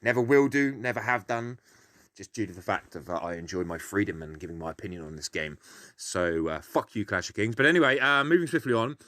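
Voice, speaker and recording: A man's voice: on the low side, fairly quick, pushed and bright, dry recording, clean studio sound. A British man explaining a game in a casual, grumpy, grumbling way, blunt and sweary as he gives his opinions. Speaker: gaming video host.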